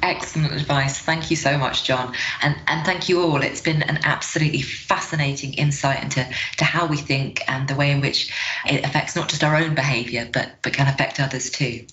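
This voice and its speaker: A woman's voice: low voice, steady tone, brisk, fairly bright tone. A woman hosting an interview in a polite, appreciative way. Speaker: host. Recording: dull lo-fi audio.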